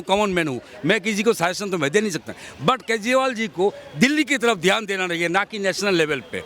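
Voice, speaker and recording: A man's voice: high-pitched, sharp tone. Argumentative man in his fifties from Assam. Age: 50s. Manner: argumentative, insistent, lecturing. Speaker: passerby interviewed on the street. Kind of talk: street interview.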